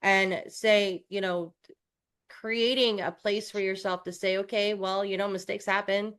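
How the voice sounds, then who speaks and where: A woman from New York co-hosts a coaching podcast, speaking in a mid-range voice with a level, fairly bright, clear and resonant tone. Her pace is a little slow, and the casual chat comes across as candid and self-deprecating, with frequent restarts.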